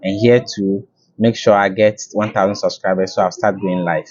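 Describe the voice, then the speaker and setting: A man teaching a casual video lesson on French words, explaining slowly with fillers and repeats. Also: on the low side, fairly even intonation, darkish tone, highs cut off.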